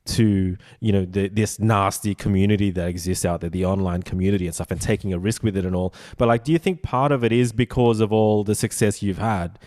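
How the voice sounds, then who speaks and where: Rambling, lower-voiced man host. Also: steady tone, darkish tone. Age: 40s. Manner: rambling, halting, many fillers and restarts, casual swearing. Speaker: podcast host. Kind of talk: casual podcast interview.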